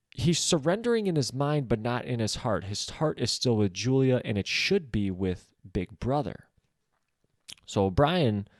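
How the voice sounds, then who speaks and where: A man's voice: mid-range voice, a little mellow, no room sound, studio quality. A man hosting a solo podcast, casually discussing a novel, thinking aloud with frequent filler words.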